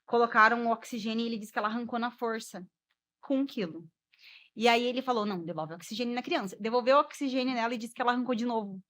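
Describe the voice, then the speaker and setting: A woman's voice: fairly high pitch, fast, fairly bright tone. A woman, a guest mother telling her personal story expressively, acting out the dialogue and laughing along the way.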